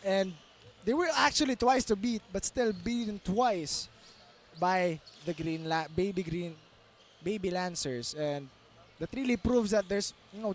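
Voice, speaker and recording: Male pre-game analyst, high-pitched voice, conversational and hesitant delivery, feeling his way through each point. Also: a little hiss or hum. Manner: halting, searching for words. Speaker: sports broadcast commentator. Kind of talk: unscripted pre-game commentary.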